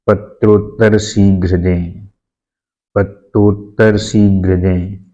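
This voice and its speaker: Slow, deep-voiced man teaching. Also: warm tone, muffled recording. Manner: slow, repeats answers aloud. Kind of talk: exam practice lesson.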